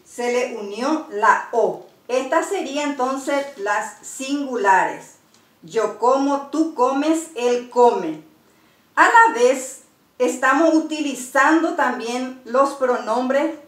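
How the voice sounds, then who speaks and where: A woman teaches in a high voice, unhurried and deliberate, pausing to spell out each word. She sits back from the mic, and the room around her rings with a roomy echo. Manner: slow, deliberate, spelling out words. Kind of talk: Guarani grammar lesson. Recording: roomy, from a distance.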